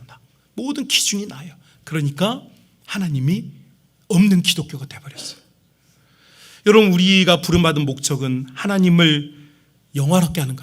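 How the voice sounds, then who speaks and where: A man's voice: high voice, a bit bright. A middle-aged male pastor preaching a sermon, emphatic and calling out to the congregation again and again. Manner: emphatic, repeatedly addressing the congregation.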